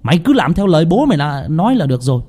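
A man's voice: a little high, big pitch swings, rapid-fire, warm tone, husky, big-room sound, voice pushed up. A man voicing a hot-tempered middle-aged village father who curses and barks orders. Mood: bossy. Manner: coarse, cursing, bossy.

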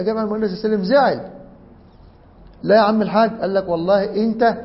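A man with an Egyptian accent teaching an Arabic grammar lesson, animated and joking, often quizzing his students. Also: high-pitched, muffled recording. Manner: animated, jokey, asks the class questions. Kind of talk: lively classroom grammar lesson.

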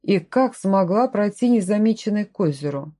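A woman's voice: mid-range voice, expressive, normal speed, dark tone, close to an everyday voice. A woman reading the lines of a stern, distrustful man who speaks in short commanding phrases in a storybook reading. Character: stern suspicious grown man, curt castle lord.

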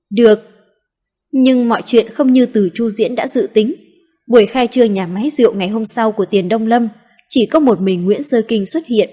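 A woman narrates an audiobook with a fairly high, light voice. Her reading is steady and smooth, with no slips.

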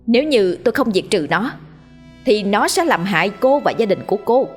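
A woman voicing a calm, firm older female exorcist in a ghost story. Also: medium pitch, moderate pace, faint music behind, lightly acted.

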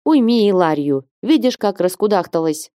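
A woman's voice: mid-range voice, big pitch swings, moderate pace, warm tone, dry recording, clean studio sound, close to an everyday voice. A woman voicing a strict older woman who firmly admonishes an unruly nun. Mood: admonishing. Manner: firm, admonishing.

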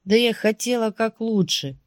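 A woman voicing a frightened, defensive old grandmother with a creaky voice. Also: fairly high pitch, normal speed, no room sound, studio quality, pitched above the performer's own voice, close to an everyday voice.

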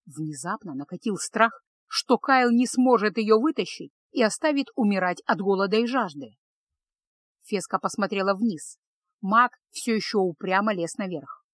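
A woman narrating a fantasy story in a steady, measured reading voice. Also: mid-range voice, no echo, clean studio sound. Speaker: audiobook narrator.

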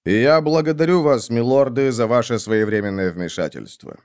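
A man voicing a proud, grieving nobleman in an audiobook, declaiming loudly and slowly. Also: medium pitch, clean tone, lightly acted. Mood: formal. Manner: loud, slow, declaiming.

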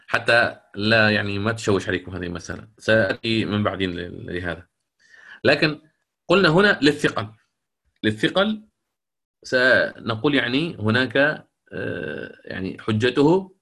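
A man teaching a lecture on Quran recitation. He explains the rules, asks the class questions and answers them himself, and slowly chants verses as examples. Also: mid-range voice, fairly bright tone.

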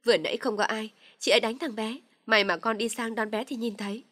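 A woman voicing a young sister-in-law who shouts accusations in a high, loud voice in an audio story. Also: lively intonation, quick pace. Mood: shrill accusing.

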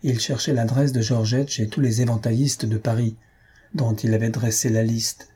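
A man narrates a comic novel in a steady, measured way. His voice is deeply husky, with a dark, mellow tone at an ordinary pitch. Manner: measured storytelling. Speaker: audiobook narrator.

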